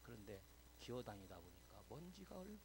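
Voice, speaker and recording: Male pastor with a gravelly voice and lively pitch, chatty sermon with light background noise. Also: a little fast. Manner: chatty, teasing, quizzes the congregation; drops to whispers, swells loud for emphasis. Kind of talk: conversational sermon.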